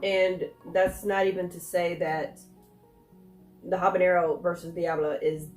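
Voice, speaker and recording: A woman's voice: lowish voice, little pitch movement, measured pace, darkish tone. A woman chatting casually through a food taste test, rambling and thinking aloud as she goes. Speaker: snack reviewer. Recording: roomy echo, faint music.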